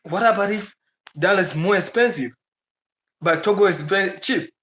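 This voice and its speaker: A man from the Bahamas, partly raised in Ghana and speaking with a Ghanaian accent, chats casually with viewers from indoors in Brazil. He answers their questions in a rambling way, full of restarts, fillers and emphatic repeats. His voice is high and fairly bright, at a moderate pace, in an echoey room.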